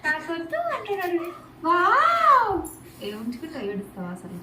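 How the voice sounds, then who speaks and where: A woman's voice: very high voice, big pitch swings, moderate pace, fairly bright tone, far from the mic, slight background noise. A woman family vlogger talking in a casual, cooing, sing-song baby talk as she coaxes a small child, repeating herself. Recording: echoey room.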